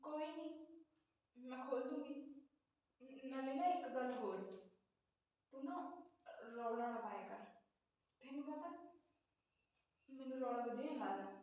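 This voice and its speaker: A woman's voice: high-pitched, unhurried, long pauses, muffled recording. An actress playing a secretive, suspicious landlady who snaps at her tenants. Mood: coaxing. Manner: snappish, defensive. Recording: echoey room, voice from far off.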